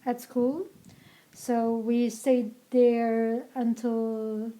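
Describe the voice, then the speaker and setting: A woman's voice: a little high, little pitch movement, very slow, mellow. A woman in her twenties from Syria, co-hosting a casual podcast chat and laughing often. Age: 20s. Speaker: podcast co-host.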